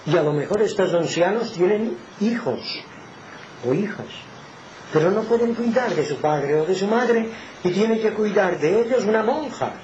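Fervent older man preaching, high-pitched voice. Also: expressive, moderate pace. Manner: fervent, rhetorical questions, swings between loud exhortation and hushed emphasis. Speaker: lay preacher. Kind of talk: impassioned home sermon. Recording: muffled, with faint background noise.

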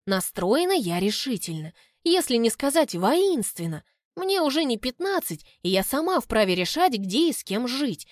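A young woman narrating a novel in the first person with an expressive, lively delivery. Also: a little high, no room sound, studio quality. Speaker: audiobook narrator.

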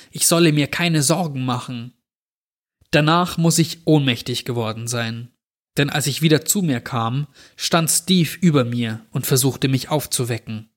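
A man reading a creepy horror story aloud in a measured storytelling manner. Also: mid-range voice, fairly bright tone. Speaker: narrator.

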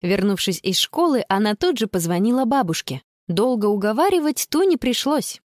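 A woman narrating a children's audiobook in an expressive storytelling voice. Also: mid-range voice, normal speed, no room sound, studio quality.

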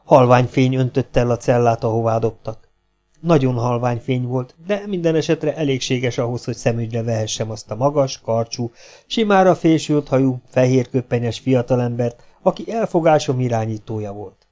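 A man reading an audiobook aloud with an animated storytelling delivery. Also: medium pitch, soft background music. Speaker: audiobook reader. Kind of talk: audiobook narration.

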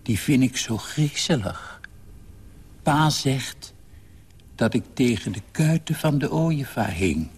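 A man reading a story, voicing a pale, quiet little girl who asks timid, earnest questions. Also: mid-range voice, lively intonation, slow, slightly rough, long reverb tail, voice pushed up, full character voice. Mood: anxious.

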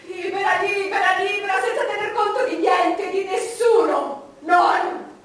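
High-voiced, slow-spoken proud tragic queen. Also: a bit bright. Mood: impassioned, frenzied longing. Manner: declamatory, slow, deliberate phrasing with dramatic pauses. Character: proud, bitter, lonely English queen, starved of love. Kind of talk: theatrical stage monologue in Italian drama. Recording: very echoey, distant stage recording with noise.

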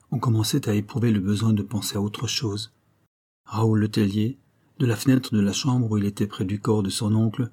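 A man reading a classic detective novel aloud as a narrator, with steady storytelling that rises in pitch for the characters' lines. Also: slightly rough. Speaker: audiobook narrator.

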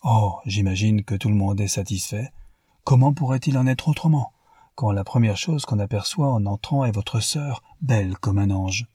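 A man's voice: on the low side, normal speed, mellow, breathy edge, dry recording, clean studio sound. Man reading a frank, cheerful American. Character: cheerful American man, straightforward and good-humored.

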